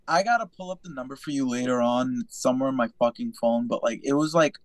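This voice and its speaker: A man's voice: medium pitch, fast, no echo. A young adult man telling stories in a casual, profane podcast chat. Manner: profane, animated storytelling. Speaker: podcast host.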